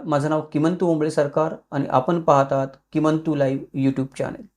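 A man with a Marathi accent, hosting his own channel, who goes through a list of words and explains each one in turn. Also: on the high side. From Maharashtra. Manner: steady list-like explanation, each entry followed by its meaning. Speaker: YouTube channel host. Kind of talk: explanatory talk listing surnames.

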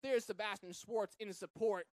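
A man from Massachusetts calling a live rugby match play by play, with energetic delivery that surges to shouts on big runs. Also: high-pitched, moderate pace, no echo. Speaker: play-by-play commentator.

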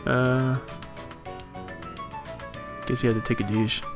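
A man giving casual, jokey gameplay commentary, animated and often yelping in surprise. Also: medium pitch, slow pace. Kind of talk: casual let's-play commentary. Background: game music.

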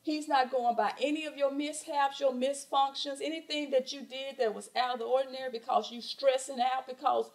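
Animated Southern woman preaching. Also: sits high, fairly quick, hardly any pauses, rough recording. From southern United States. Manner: animated preaching with rhetorical questions and emphatic repetition. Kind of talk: sermon. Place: church sanctuary at a pulpit. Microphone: pulpit microphone.

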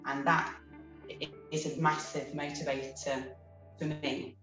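A woman's voice: sits low, flat delivery, measured pace, music in the background. A woman artist speaking earnestly in an interview, with frequent ums. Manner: earnest, with many fillers. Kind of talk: interview monologue. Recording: echoey room, mic far off.

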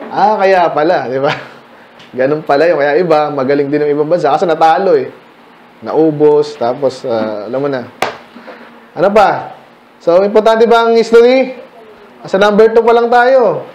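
A man's voice: sits high, a little mellow. A man teaching a church history seminar in a conversational way, peppering his points with rhetorical questions to the listeners and mixing in English terms. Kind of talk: church history lecture to a mixed room. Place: church meeting room. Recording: echoey room.

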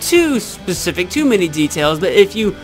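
This Illinois man in his twenties hosts a YouTube gaming channel, talking to camera casually, rambling and self-correcting in a Midwestern American accent. His high, sing-song voice moves at normal speed over faint background music. He records in a small indoor room against a green screen, close to a pop-filtered desk microphone.

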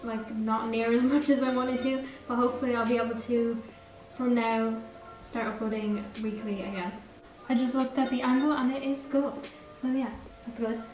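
Teen girl rambling away while baking, bit high voice, roomy kitchen sound from the camera far off. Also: little pitch movement, moderate pace, hardly any pauses, darkish tone. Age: teens. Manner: rambling, chatty, self-correcting. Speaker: vlogger. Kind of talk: casual baking vlog chat. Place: home kitchen, indoors. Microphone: camera across the kitchen. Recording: roomy kitchen echo, distant camera mic, background music.

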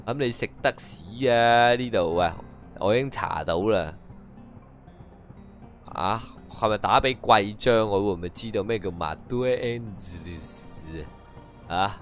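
香港男實況主，講得慢吞吞，邊翻譯對白邊抽水. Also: male voice, lowish voice, extremely slow. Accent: Hong Kong Cantonese. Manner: dry, mocking running commentary and translation of dialogue. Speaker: game streamer. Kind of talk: casual gameplay commentary. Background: faint game music.

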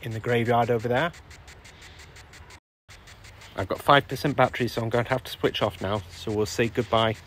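A man's voice: medium pitch, steady tone, a bit bright, a little hiss or hum. Man coaxing spirits on a ghost hunt. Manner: slow, coaxing questions to an unseen listener. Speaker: ghost hunter. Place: old ice house on a country estate.

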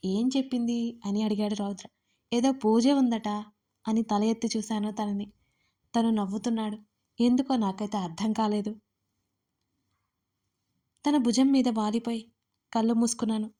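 A woman narrating a first-person audio story, expressive in the dialogue. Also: on the high side, normal speed, long pauses.

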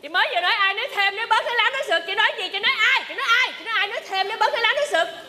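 An actress playing a combative young sister-in-law with a Southern Vietnamese accent, nagging rapidly and indignantly in a stage comedy. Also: female voice, extremely high pitch, lively intonation, crowd noise, background noise.

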